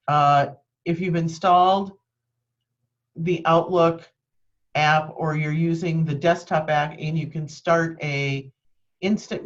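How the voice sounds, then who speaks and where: Speaking in a low voice, this woman leads a practical training session over live video from a home office set up with a green screen, saying "um" often. The audio, picked up by her webcam mic, sounds dull.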